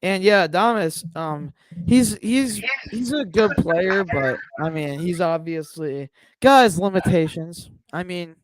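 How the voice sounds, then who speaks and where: A young man co-hosting a podcast, chatting casually and calling the game at a watch party, rambling and excitable. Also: high-pitched, takes it slowly. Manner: rambling, excitable, lots of fillers and laughs. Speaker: podcast co-host and Cubs fan. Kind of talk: casual play-by-play chat during a watch party.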